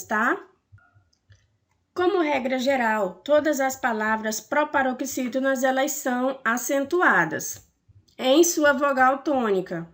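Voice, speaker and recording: A woman's voice: high voice, fairly bright tone. A woman teacher with a Brazilian Portuguese accent giving a recorded lesson, explaining step by step with frequent fillers and checking questions.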